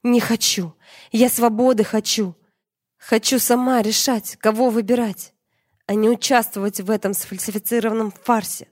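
A woman's voice: on the low side, a little slow, darkish tone, slightly rough. A woman voicing a defiant young heroine, a student bound against her will, in an audiobook. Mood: indignant.

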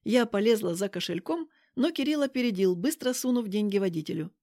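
A woman narrating a first-person romance audiobook in a lively, expressive way. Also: mid-range voice, brisk, no room sound, studio quality.

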